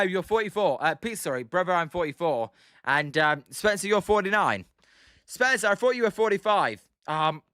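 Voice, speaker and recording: Young british guy streaming a game, calls the pitches and chats w viewers, slightly high, smooth crisp voice. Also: pushed and bright, dry recording, clean studio sound. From United Kingdom. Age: 20s. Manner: chatty, reads out viewers' names and answers them between pitch calls. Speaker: livestream host. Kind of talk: casual play-by-play with chat replies.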